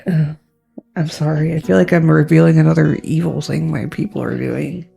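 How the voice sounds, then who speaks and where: A woman's voice: low-pitched, steady tone, normal speed, vocal fry, warm tone, soft background music. A woman casually narrating her part in a tabletop game, hesitant and full of restarts. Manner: hesitant, lots of fillers and restarts. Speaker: tabletop game player and storyteller.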